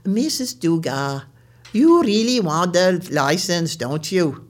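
A woman voicing a stern male driving inspector with a gruff, clipped manner, in a spoken story. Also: fairly low pitch, lively intonation, slow pace, voice pushed down.

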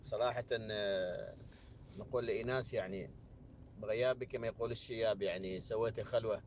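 Low-voiced man on lo-fi message. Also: steady tone, brisk. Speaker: audio message contributor. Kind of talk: casual greeting message. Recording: dull lo-fi voice message, faint noise.

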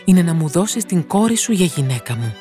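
A woman's voice: fairly low pitch, very animated, mellow, faint music behind, voice pushed up. A woman voicing a brave young prince in a fairy tale, speaking earnestly and confidently.

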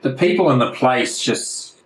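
A man's voice: mid-range voice, animated, measured pace, echoey room, a little hiss or hum, low-quality recording. A man co-hosting a casual podcast, chatty and rambling, laughing often over a video call. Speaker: podcast co-host. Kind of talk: casual chat.

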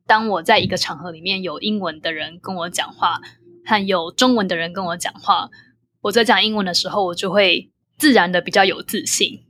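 A woman's voice: on the low side, brisk, a bit bright, no room sound. Young Taiwanese-accented woman, close dry sound. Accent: Taiwanese Mandarin. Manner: occasional English words mixed into Mandarin. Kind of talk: casual reflective conversation.

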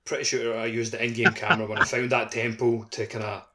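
A man co-hosting a gaming podcast chats casually about video games, talking fast in a medium-pitched, flat voice over background noise.

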